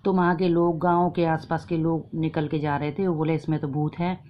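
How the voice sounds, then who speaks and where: A woman casually retelling a folk fasting tale in a plain, homely way with repeated phrases and fillers. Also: low-pitched, little pitch movement, muffled recording, slight background noise. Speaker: storyteller.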